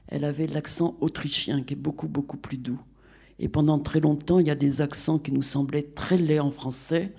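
A man's voice: mid-range voice, vocal fry, mellow, slightly rough. A man on a discussion panel, speaking in an opinionated, discursive way. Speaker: panel guest.

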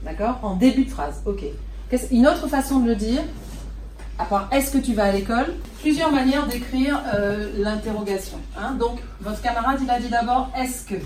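A woman's voice: a little high, moderate pace, darkish tone. A woman teaching a French class, patient, and checking in with her students often. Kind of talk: classroom lesson. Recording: roomy classroom recorded from a distance.

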